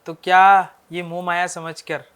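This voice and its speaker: A man's voice: high-pitched, little pitch movement, unhurried, a bit bright, clear, resonant tone. A man hosting a casual podcast interview, asking short questions in a playful way. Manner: playful, laughs often, asks short questions. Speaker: podcast host.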